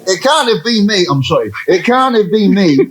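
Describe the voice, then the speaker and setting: A man's voice: high voice, sing-song, moderate pace, a little hiss or hum. A man voicing an ugly, dim suspect who blurts out excuses in broken grammar. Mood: protesting. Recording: live comedy crowd.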